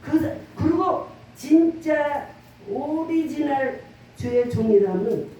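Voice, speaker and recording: Middle-aged woman pastor, high voice, earnest and chatty delivery, recorded far off in a very echoey church room. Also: expressive, takes it slowly, dark tone, slight background noise. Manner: earnest, conversational preaching with frequent call-and-response. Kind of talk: sermon.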